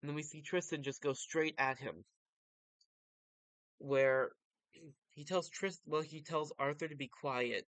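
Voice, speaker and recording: A man's voice: a little high, steady tone, a little slow, pauses often, a bit bright, no room sound. A man narrating and commenting on a story in a casual, informal way, like an enthusiastic fan. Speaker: vtuber reading and commenting on manga.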